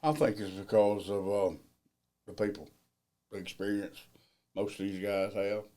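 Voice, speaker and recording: A field crew general foreman in middle age, speaking a little slowly, gives relaxed interview answers about his work. His voice is loud, low, and deep, his wording plain and folksy with loose grammar, and his tone stays mellow throughout.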